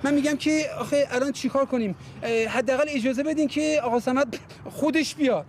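An actor playing a polite young fiancé, courteous and formal. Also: male voice, very high voice, slight background noise. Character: polite young male fiancé, eager to help. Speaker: suitor.

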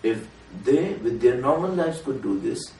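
A man giving an earnest sermon to a small gathering, speaking in a measured way that rises for emphasis. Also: medium pitch, expressive, mellow. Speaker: religious speaker. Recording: roomy room from a distance, faint noise.

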